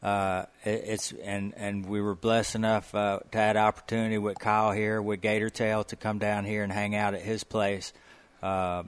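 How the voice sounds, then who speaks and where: A man's voice: on the low side, little pitch movement, normal speed, clean tone. A man co-hosting a casual podcast, talking in a folksy, enthusiastic, rambling way. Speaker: podcast co-host. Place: guest's home on the coast.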